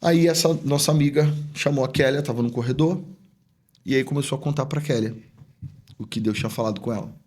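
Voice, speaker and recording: This podcast guest, a pastor who owns a business, relates a personal experience in a chatty, earnest style, acting out the conversations he remembers. His mid-range voice has a darkish tone and moves a little fast.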